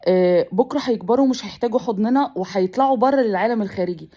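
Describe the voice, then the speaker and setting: A woman's voice: medium pitch, racing, dark tone. A mother with an Egyptian accent vlogging, tearful and pleading, crying on and off as she talks. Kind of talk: emotional personal vlog.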